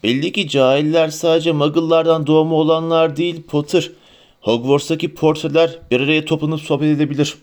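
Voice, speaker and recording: A man's voice: a little high, little pitch movement, brisk, darkish tone, voice pushed up, close to an everyday voice. A man voicing a haughty, disdainful old male portrait headmaster in an audiobook reading.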